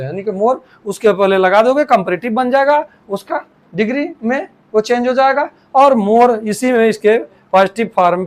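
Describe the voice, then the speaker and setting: Lively man teaching, slowly spelling out words. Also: high-pitched. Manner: repeats and restarts, slowly spells out words and dictates English sentences. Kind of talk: classroom grammar lesson.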